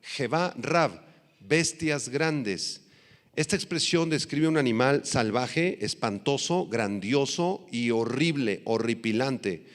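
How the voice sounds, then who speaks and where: A male pastor preaching a sermon in an animated, teacherly way, rising loud on key points and slowing down to stress words. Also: mid-range voice. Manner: teacherly, spells out terms and tells listeners to note them. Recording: long hall reverb.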